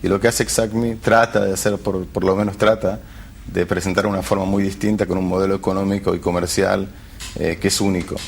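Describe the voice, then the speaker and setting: Deep gravelly man. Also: little pitch movement, brisk, slight background noise. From Argentina. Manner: hesitant, searching for words, many restarts. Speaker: tech company founder guest. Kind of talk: TV interview. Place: television studio.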